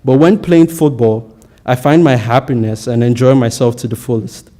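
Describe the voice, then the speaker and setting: Young guy reading his valedictory speech, earnest and measured, mellow dark voice, trips on a word now and then. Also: medium pitch. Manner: earnest, measured delivery with stumbles on words. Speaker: valedictorian giving a graduation speech. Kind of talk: prepared commencement speech.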